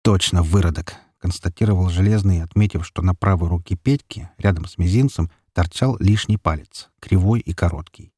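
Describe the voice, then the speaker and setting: A man reading a dark story as an audiobook narrator in a steady, even telling. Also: low-pitched, moderate pace, dry recording, clean studio sound.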